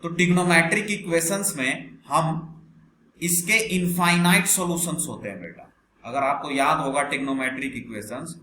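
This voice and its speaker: A male maths teacher, explaining step by step and questioning his class patiently. His voice is bright and fairly high for a man. The room is echoey, with a faint hiss of background noise. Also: normal speed. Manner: patient, calls students 'beta', asks the class questions. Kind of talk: online class lecture.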